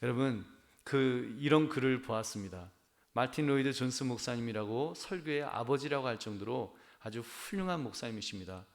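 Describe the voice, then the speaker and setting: A male pastor preaching a sermon in a mid-range voice. He speaks earnestly and addresses his listeners directly, rising into emphatic, animated stretches. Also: mid-range voice, normal speed. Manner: earnest, animated preaching with frequent appeals to the congregation.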